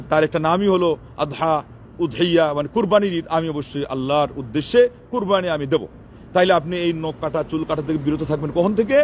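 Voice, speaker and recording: A male preacher gives a sermon. He explains each ruling patiently and poses questions he then answers himself. A faint hum of traffic sits behind him. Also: fairly high pitch. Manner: explanatory, asks and answers his own questions. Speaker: Islamic preacher.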